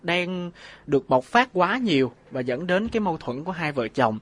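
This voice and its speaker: A man with a moderately high voice co-hosts a relationship advice programme. He talks conversationally and reflectively, softening his opinions as he offers them. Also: very animated, normal speed. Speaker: radio co-host giving relationship advice.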